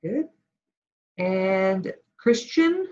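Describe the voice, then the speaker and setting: Woman teacher running roll call on a video call, brisk, kinda muffled audio. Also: mid-range voice, very animated, darkish tone. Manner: brisk, calling on students one by one. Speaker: course instructor. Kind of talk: online class roll call.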